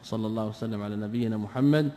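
A man's voice: lowish voice, racing, mellow, slight background noise. A man teaching a religious class, asking rhetorical questions and repeating key phrases as he explains texts word by word. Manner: explains word forms and grammar step by step. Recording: long echo of a hall.

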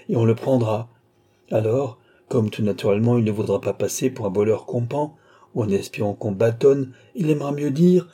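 A man's voice: mid-range voice, warm tone, husky, natural voice. A man voicing an old duke and marshal in an audiobook, sly and teasing, with a lightly threatening, knowing tone. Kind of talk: audiobook reading.

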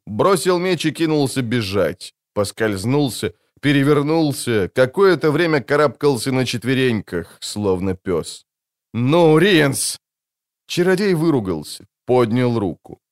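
A male audiobook narrator reads scripted prose in a steady, dramatic way. His voice sits at an ordinary middle pitch. The recording is close and dry, with no room sound. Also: no echo.

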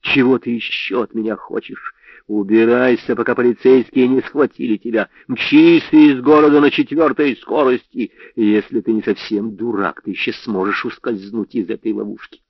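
A man's voice: on the low side, flat delivery, moderate pace, dry recording, lightly acted. A man voicing a brash, scornful private eye in an audiobook, goading and sneering as he talks. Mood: taunting. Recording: dry, slightly dull audio.

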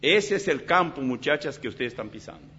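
A man preaching a sermon as pastor in a church, in an animated, dramatic way with vivid illustrations. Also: medium pitch, brisk. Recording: slightly dull recording with faint hum.

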